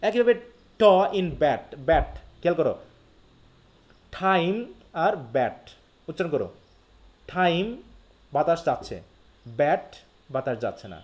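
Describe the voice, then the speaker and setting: High-voiced Bangladeshi man teaching a class. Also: big pitch swings. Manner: explains step by step, often checking that students follow; reads English text slowly, then explains it. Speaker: English teacher. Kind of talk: live lecture.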